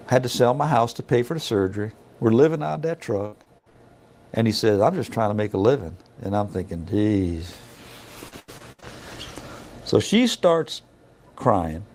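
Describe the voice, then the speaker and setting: In a medium-pitched, slightly mellow voice, a middle-aged truck-scale inspector chats his way through a casual story, folksy and sprinkled with plenty of "you know"s.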